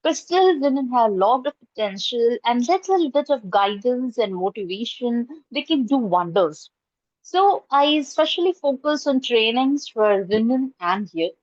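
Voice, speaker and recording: A middle-aged Indian woman, a college professor and trainer whose first language is Urdu, joins a video call as a guest and answers interview questions earnestly, with many fillers and restarts. Her voice is on the high side, expressive and a little slow, with an Indian accent. She's indoors at home with a curtain behind her, and the audio is dull with no echo.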